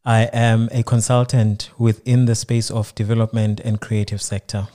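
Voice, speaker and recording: A man's voice: fairly low pitch, flat delivery, moderate pace, warm tone. Man from South Africa hosting a podcast. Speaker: podcast host. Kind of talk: scripted intro and interview questions.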